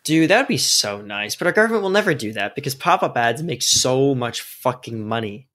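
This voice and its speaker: A young adult American man with a medium-pitched voice hosts a casual podcast. He talks like a frat bro, loose and slangy, and swears freely. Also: big pitch swings, moderate pace, bright, forceful tone. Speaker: podcast host.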